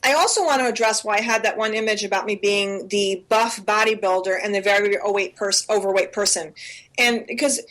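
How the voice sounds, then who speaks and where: A woman's voice: medium pitch, a little fast, a bit bright. A woman in her forties co-hosting a talk show, speaking earnestly and emphatically, often repeating herself for stress. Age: 40s. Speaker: co-host. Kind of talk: casual talk show chat. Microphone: remote call.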